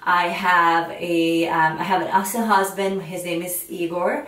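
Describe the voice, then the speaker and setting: A woman's voice: on the low side, steady tone, unhurried, fairly bright tone, far from the mic. A woman in her thirties from Ukraine with a Ukrainian accent, chatting casually to camera as a makeup artist vlogger, with many fillers and restarts. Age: 30s. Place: home studio room, indoors. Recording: roomy echo, voice a bit off-mic.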